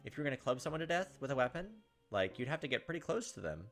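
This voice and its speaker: Reading a visual novel's narration as he plays, this gaming channel host adds quick remarks of his own. His medium-pitched, fairly bright voice moves at a quick pace with a sing-song lilt, backed by the game's music.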